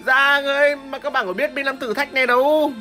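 A woman streamer commentates her own mobile game match in a bright, forceful voice pitched somewhat high. She explains her plans, then breaks into excited cries and rapid repeated words when fights start. Faint music plays underneath. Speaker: gameplay streamer. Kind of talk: live gameplay commentary.

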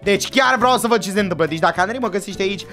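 A young man giving excited gameplay commentary, talking to his viewers and swinging from hushed asides to loud outbursts. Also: sits high, soft background music. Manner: animated, talks to viewers, jumps from hushed to loud. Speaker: gaming YouTuber.

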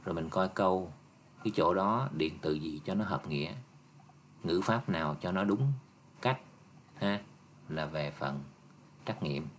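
A man's voice: low voice, a little slow, long pauses, slight background noise. A male teacher patiently reviewing an English exam step by step for his students. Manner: patient, explaining step by step with frequent "nha" and "nè".

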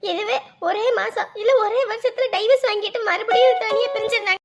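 A woman plays a distraught mother whose very high voice carries a gravelly edge as she pleads and scolds, close to tears. Her talk is emotional and insistent, in a family drama. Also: fairly even intonation, brisk. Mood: distressed. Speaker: mother of a grown son. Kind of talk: Tamil family web drama acting.

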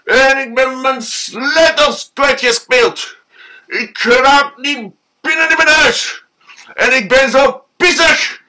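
A man voicing an angry drunk man who yells and swears over and over. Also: extremely high pitch, slow, voice pushed up, full character voice, low-quality recording. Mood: angry shouting. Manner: yelling, swearing, repeating himself. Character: furious drunk man locked out, shouting.

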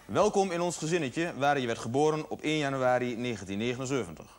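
A male comedian playing an eight-year-old girl while speaking in a deliberately distorted deep voice, in a naive, deadpan way. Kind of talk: stand-up cabaret sketch.

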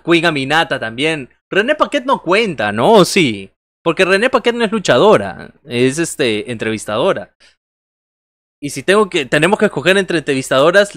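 This thirty-something man's voice sits a little high and comes across a bit bright, captured in a dry, studio-quality recording. He's livestreaming casual wrestling commentary from a small bedroom, cracking jokes, talking with viewers, responding to chat and calling out moves.

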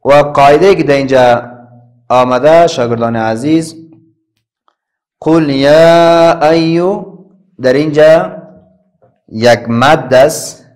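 A man with an Afghan Dari accent teaching a Quran class, spelling out letters and vowels slowly and chanting the verses. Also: mid-range voice, a little mellow. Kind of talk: classroom recitation lesson.

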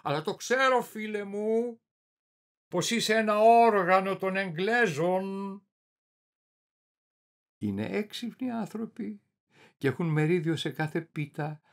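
A man performing a theatrical reading as a deluded, paranoid middle-aged clerk, swinging wildly between shouting and muttering. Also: high voice, animated, long pauses. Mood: bewildered, paranoid. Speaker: reader of a dramatic monologue.

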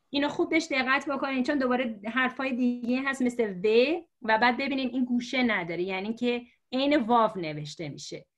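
A woman teacher telling a story to explain letters, patient and slow, with many fillers. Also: fairly high pitch. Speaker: religious script teacher. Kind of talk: storytelling lesson for learners.

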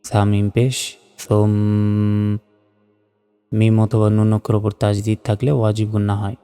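A man patiently spells out Arabic syllables one by one, then chants each word whole. His voice is dark, mellow and smooth. It sounds like a long-reverb hall, with faint music underneath. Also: lowish voice, monotone, unhurried. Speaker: Quran reading teacher. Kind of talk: slow letter-by-letter Quran spelling lesson.

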